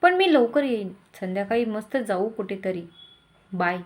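A woman's voice: mid-range voice, sing-song, moderate pace, lightly acted. A woman doing a breezy young husband. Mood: cheerful. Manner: breezy, affectionate.

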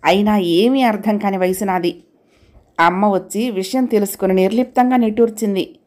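A woman reading a family story aloud in the first person, at an even, unhurried pace. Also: medium pitch.

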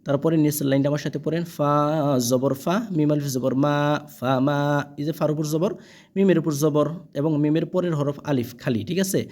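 A man teaching Quran reading, spelling out letters and vowel marks one by one. He stretches the recited words slowly and keeps checking that the learner follows. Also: a little high, fairly even intonation, dark tone. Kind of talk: spelling-out Quran lesson, call and repeat.

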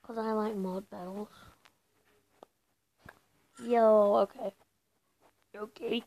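Woman, gravelly fry, slow unhurried talk, casual game commentary, noisy recording. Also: mid-range voice. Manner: chatty, mumbling, excitable reactions. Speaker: gameplay video creator.

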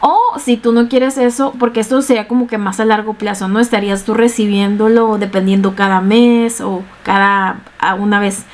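A woman's voice: mid-range voice, little pitch movement, normal speed, few pauses. A young woman giving a casual step-by-step screen-share tutorial from a small room at home, chatty and full of fillers. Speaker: online tutorial host.

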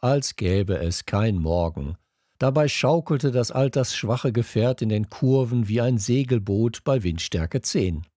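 A male narrator reading a children's story at an unhurried pace. His pitch moves lively up and down. The sound is dry and close. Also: dry recording. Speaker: audiobook narrator. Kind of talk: scripted narration of a children's audiobook.

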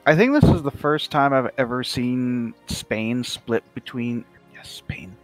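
A man with a medium-pitched voice talks at a measured pace over soft background music. In casual multiplayer gaming chat, he talks with other players during a strategy game, thinking aloud and explaining its mechanics.

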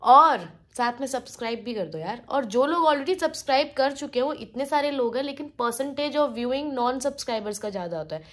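A hoarse woman vlogger chatting casually to her viewers from home, mixing in English and pleading with them. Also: high-pitched, lively intonation, normal speed, few pauses. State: hoarse from shouting. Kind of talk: casual vlog talk to viewers.

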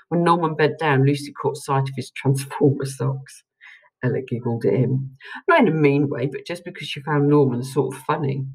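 A woman reading a children's book aloud to listeners with expressive storytelling. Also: rumbling low, husky, low-quality recording.

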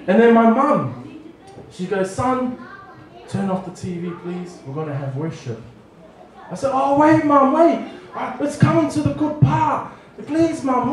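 A man in his thirties from New Zealand, preaching a storytelling sermon on a handheld mic, animated and acting out family dialogue. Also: high voice, a little hiss or hum. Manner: animated, acts out family dialogue with lively gestures. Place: church hall, small room. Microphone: handheld mic, far camera. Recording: echoey hall from far off.

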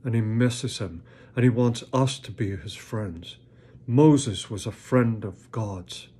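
Low, dark-toned male Bible reader, earnest and plain-spoken. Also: takes it slowly, husky. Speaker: Bible reading host. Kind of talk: scripture reading and devotional commentary.

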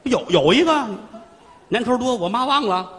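A man's voice: very high-pitched, animated, normal speed, fairly bright tone, in a large hall. A man performing a traditional solo comic story with vivid, rhythmic narration.

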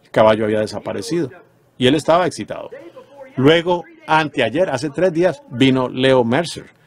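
A man's voice: medium pitch, expressive, normal speed. A man preaching a sermon, retelling dreams earnestly and rising into emphatic exhortations.

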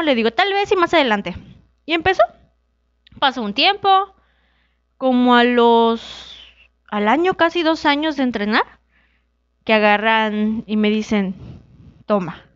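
A young Mexican woman, a wrestler appearing as an interview guest, tells her story casually in a smooth voice. She's animated, acting out quoted dialogue with changing pitch, in a dry recording with the highs cut off.

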